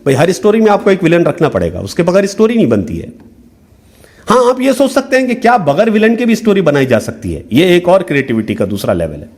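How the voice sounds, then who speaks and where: Using a high-pitched, darkish voice that swings hugely in pitch, a middle-aged man lectures at a workshop, breaking his explanations into steps. He sprinkles English terms throughout and asks "hai na?" again and again.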